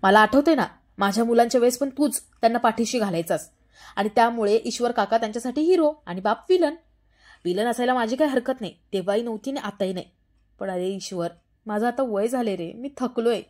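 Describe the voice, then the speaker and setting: A stern old grandfather scolds a runaway boy in a loud, exasperated rush, as a woman reads his part in a storybook narration. The voice sits fairly high and gets quicker when he is upset. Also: close to an everyday voice. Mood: scolding. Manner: scolding, exasperated, fast-talking. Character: stern, worried elderly grandfather, strict.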